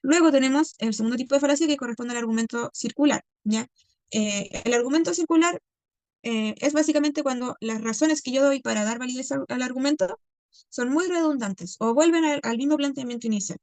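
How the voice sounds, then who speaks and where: A woman teacher reviewing a class lesson, checking in constantly with "¿ya?" and "¿cierto?" and pausing on many fillers. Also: high-pitched, a little mellow, dry recording. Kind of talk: recorded class review lecture.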